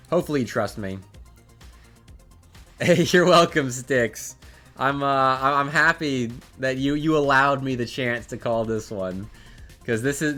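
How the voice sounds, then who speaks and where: A man's voice: medium pitch, a bit bright. A man with a nasal, stuffy voice from allergies, chatting casually as he opens an esports match stream from his desk setup. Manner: chatty, rambling, frequent restarts. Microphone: desk microphone at a home streaming setup.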